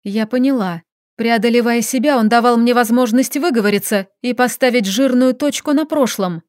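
A woman narrating a first-person romance audiobook in an expressive, dramatic reading. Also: fairly high pitch, moderate pace, no echo, studio quality.

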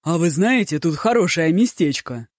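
A narrator voicing a blunt, gruff male court officer. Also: medium pitch, lively intonation, moderate pace, dry recording, studio quality, natural voice.

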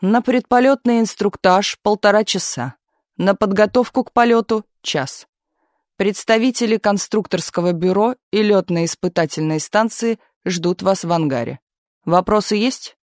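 A man's voice: high-pitched, moderate pace, no echo, clean studio sound, close to an everyday voice. A man voicing a short, broad-shouldered general who gives a briefing in a raised, commanding voice.

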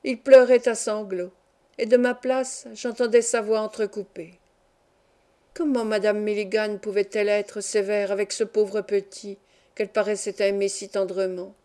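A woman reading a classic novel aloud as an audiobook, in a calm, even storytelling manner. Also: medium pitch, normal speed. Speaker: audiobook reader. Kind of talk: scripted narration of a classic novel.

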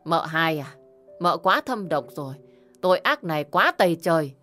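A woman voicing an older male Buddhist monk who speaks slowly and solemnly. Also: low voice, animated, sharp tone, soft background music. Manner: slow, solemn pronouncements.

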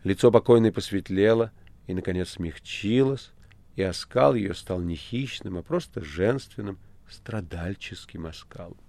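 Low-voiced male audiobook narrator. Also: moderate pace, gravelly, dry recording. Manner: dramatic, expressive. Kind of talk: literary audiobook reading.

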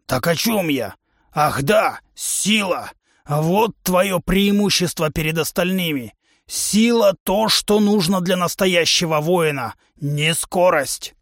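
A man's voice: high-pitched, slow, vocal fry, no echo, clean studio sound, pitched above the performer's own voice, heavily acted. A man voicing a huge, hot-tempered male musk-ox humanoid who trains fighters with a club, in a blustering drill-sergeant manner. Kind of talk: audiobook character voice.

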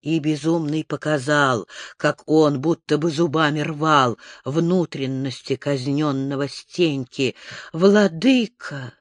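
A narrator reading a historical tale in a dramatic, measured way. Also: medium pitch, fairly even intonation, no echo, clean studio sound.

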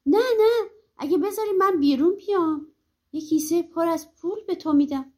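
A woman voicing a frightened gravedigger man who pleads loudly from inside a chest in a storybook reading. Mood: panicked. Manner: shrill, pleading cries. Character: panicked trapped gravedigger man shouting from a chest.

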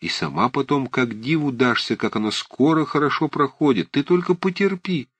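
Brief: agitated old aunt, blunt and fussy, raised and lively, dry close sound, a male reader putting her on. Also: a little high, measured pace, dry recording, pitched above the performer's own voice. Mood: coaxing. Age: older. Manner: agitated, scolding, emphatic. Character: fussy, blunt elderly aunt, warm-hearted. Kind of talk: audiobook character reading.

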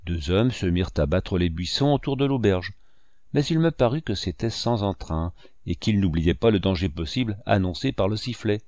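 Low-voiced male audiobook narrator. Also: lively intonation, darkish tone, no room sound, clean studio sound. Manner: measured, first-person storytelling. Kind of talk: scripted narration.

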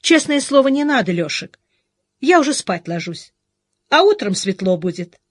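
A woman's voice: sits high, very animated, moderate pace, breathy edge, no echo, clean studio sound, pitched above the performer's own voice, exaggerated voice. A woman voicing a young wife who is hurt but joking playfully with her husband, in an audiobook. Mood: teasing. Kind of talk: audiobook character reading.

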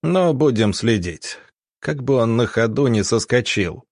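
A man voicing a grave, blunt male commandant who speaks in a measured way. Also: mid-range voice, lively intonation, a little mellow, no room sound, studio quality.

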